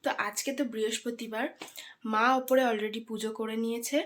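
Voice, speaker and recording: A woman's voice: fairly high pitch, fairly even intonation, normal speed, a bit bright. A young woman with a Bengali accent, chatting casually through a daily vlog, filling her talk with "so". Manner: chatty, filler-heavy, keeps saying "so". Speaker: vlogger. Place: home and outdoors on streets and by the river.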